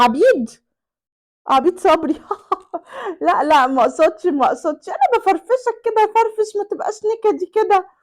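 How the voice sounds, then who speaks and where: A woman voicing a carefree young mistress in an Egyptian accent, chattering in a high giggly sing-song.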